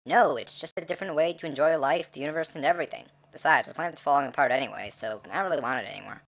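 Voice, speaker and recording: A man's voice: on the high side, rapid-fire, creaky, fairly bright tone, a little hiss or hum. Man voicing a laid-back alien ex-conqueror. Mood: easygoing.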